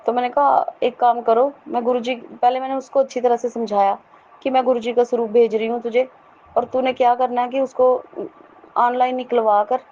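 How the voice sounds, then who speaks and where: A middle-aged woman from Jammu earnestly telling a devotional testimony, often pausing to address her listeners respectfully. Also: on the high side, warm tone. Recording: dull lo-fi recording with faint noise.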